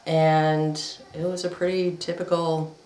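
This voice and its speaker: A woman's voice: low voice, level tone, unhurried, a little mellow. A woman in her fifties from upstate New York, plainly recalling her family and schooling in an interview. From upstate New York, USA. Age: 50s. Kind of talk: reminiscing interview. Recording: echoey room.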